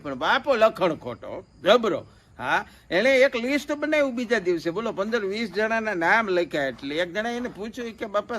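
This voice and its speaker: A man spins one folk joke after another. He talks in a homely, storytelling way and slows down to stretch out each punchline. The recording was made in a studio. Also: sits high, sharp tone. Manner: folksy joke-telling, drawn-out punchlines. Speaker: stand-up comedian. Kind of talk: Gujarati folk comedy storytelling.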